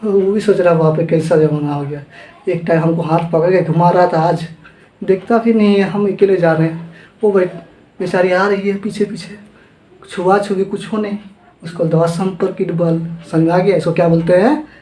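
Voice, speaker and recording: A man's voice: high voice, steady tone, moderate pace, warm tone, reverberant, rough recording. A man teaching a physics lesson with homely examples, often checking whether students understand.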